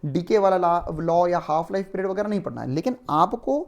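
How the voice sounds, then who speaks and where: A male physics teacher delivers an online exam-prep lecture, explaining things conversationally and often checking in with tag questions. His voice sits high, sounds expressive, and moves at a brisk pace.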